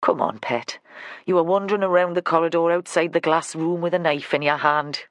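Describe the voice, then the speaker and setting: A reader voicing a blunt middle-aged female detective, gruff and matter-of-fact, with dry humour. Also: on the low side, a little fast, no room sound, natural voice. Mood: firm.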